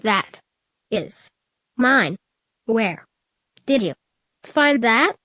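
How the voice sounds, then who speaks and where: A woman's voice: a little high, expressive, extremely slow, bright, forceful tone, dry recording, full character voice. Lady doing weak crackly hedgehog girl, barely there, dry sound. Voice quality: crackly, feeble. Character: weak starving teenage female hedgehog.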